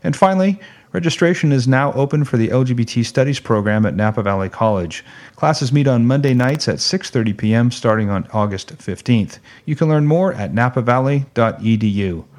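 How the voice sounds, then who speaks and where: A man hosts a radio news program. He reads headlines and community listings in a measured, announcer-like delivery. He also interviews guests, and his voice sits at an ordinary middle pitch. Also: expressive, darkish tone.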